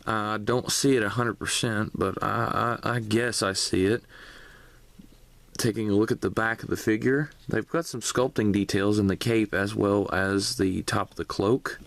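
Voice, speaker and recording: A man's voice: on the low side, fairly even intonation, moderate pace, vocal fry, fairly bright tone, dry recording. A man giving a casual, chatty unboxing review of a collectible figure, talking straight to his viewers. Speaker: toy reviewer.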